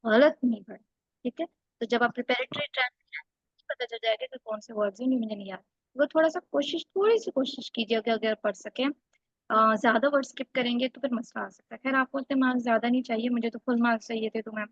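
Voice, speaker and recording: A woman tutor with a slightly high voice coaches a single student, correcting his reading and explaining step by step. The sound is dry and a little dull. It has the steady pace of an online lesson. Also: a little fast, no echo. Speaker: English exam tutor.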